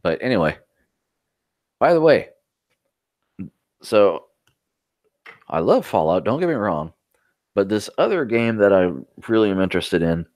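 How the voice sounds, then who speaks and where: A man with a very deep voice co-hosts a tech podcast in loose, rambling chat. He tells stories and swears offhand. The recording is dry and close, with almost no room sound. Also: big pitch swings, a little slow, long pauses, a little mellow, dry recording. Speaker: podcast co-host.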